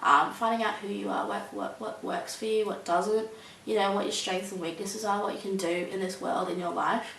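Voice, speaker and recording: A young adult woman with a creaky, slightly bright, medium-pitched voice speaks at a normal pace with fairly even intonation. Her interview answers come out casual and tentative, full of ums and likes. The room sounds spacious, the mic is distant, and a faint hiss runs underneath.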